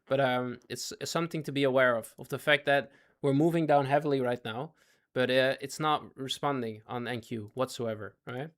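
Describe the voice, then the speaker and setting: Talking through his trades for viewers, a day trading streamer keeps a medium pitch and fairly even intonation, moving at a moderate pace with hardly any pauses. He's losing his voice, speaks in fits and starts, repeats himself, and asks chat if they follow.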